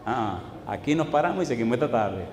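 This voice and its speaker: A male pastor preaching a sermon in a church, firing rhetorical questions at the congregation and swinging between loud declaiming and quiet asides. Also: medium pitch, lively intonation, a little fast. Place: church sanctuary. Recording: echoey church hall with long reverb.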